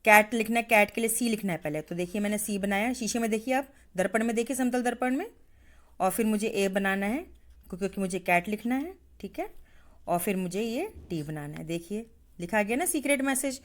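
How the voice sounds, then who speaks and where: A woman's voice: medium pitch, animated, brisk. A woman teacher giving a patient, step-by-step science lesson to schoolchildren, spelling letters aloud as she demonstrates. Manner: patient, addresses pupils as "beta".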